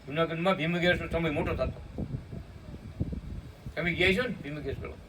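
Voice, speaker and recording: Male preacher, narrates and chants slowly, voice set back from the mic. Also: fairly high pitch. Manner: tells a story, breaks into slow chanted hymn lines, asks listeners "hum?". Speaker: spiritual speaker at a satsang. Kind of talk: devotional storytelling sermon with sung hymns. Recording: distant mic with faint room noise.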